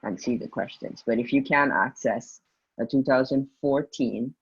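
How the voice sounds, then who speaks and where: A man's voice: mid-range voice, moderate pace, slightly rough, highs cut off. A man, tutoring students in an informal online session, speaking hesitantly and often restarting his sentences. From Guyana, raised in the Bahamas. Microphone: video call.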